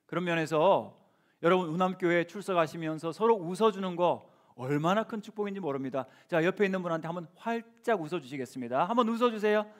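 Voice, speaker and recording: Middle-aged pastor w a preaching in church, fairly high voice, acts out little quotes. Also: male voice, fast. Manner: acts out short quoted lines in an animated voice. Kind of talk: sermon. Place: church sanctuary.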